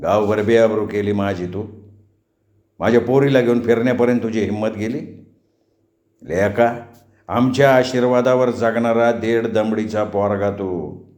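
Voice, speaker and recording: A man's voice: on the low side, steady tone, unhurried, long pauses, a little mellow, natural voice. A harsh village landlord in a storybook, voiced by a man, commanding and threatening. His orders echo in a roomy space. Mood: menacing. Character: domineering rich older landlord, harsh tempered.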